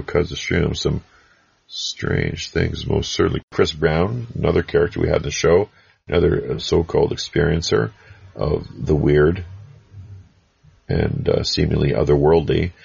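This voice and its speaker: A man's voice: a bass voice, gravelly, a little mellow, slightly rough. A man hosting a podcast, rambling casually through past episodes with folksy pirate banter. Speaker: podcast host. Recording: dull lo-fi sound.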